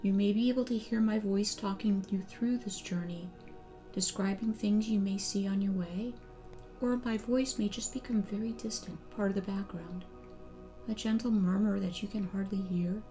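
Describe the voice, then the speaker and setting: A woman slowly guiding a hypnosis relaxation session, with soothing, repetitive phrasing and some soft, near-whispered lines. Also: mid-range voice, steady tone, faint music behind. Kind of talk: guided hypnosis relaxation script.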